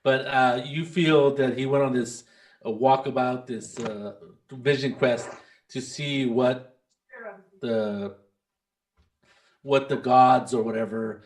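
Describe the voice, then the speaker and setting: A man narrating and refereeing a tabletop role-playing game, pausing often with fillers and restarts. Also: mid-range voice, fairly even intonation. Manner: halting, many fillers and restarts. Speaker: game master.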